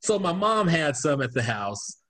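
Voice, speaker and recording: Animated, laughing storyteller man. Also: a little high, moderate pace. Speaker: podcast co-host. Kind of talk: casual group chat, storytelling.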